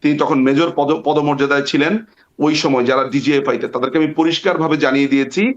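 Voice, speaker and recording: A man's voice: a little high, steady tone, fairly quick. A man, a barrister guest on an interview show, telling a long story with hesitations and reenacted dialogue. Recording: dull lo-fi sound.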